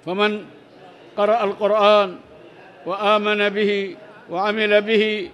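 A man with a high voice reads religious texts aloud in a level, even tone, keeping his pitch narrow. He works through each chain of narrators and then explains the text in plain words, adding short prayers as he goes. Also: measured pace. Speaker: Islamic teacher reading hadith.

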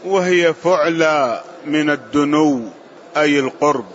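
A man reading passages of a classical text aloud in a lesson, in a steady, formal recitation. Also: a little high, measured pace. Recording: muffled lo-fi audio with faint hiss.

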